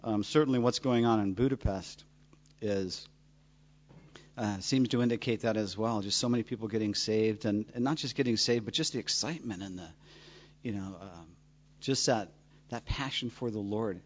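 A man pastor introducing the next speaker in a relaxed, rambling way. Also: on the low side, moderate pace. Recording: dull lo-fi sound.

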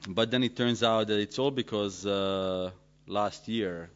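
A man pastor from Serbia, giving a joking, self-deprecating conference talk in halting English. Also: fairly low pitch. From Serbia (former Yugoslavia). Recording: dull lo-fi sound.

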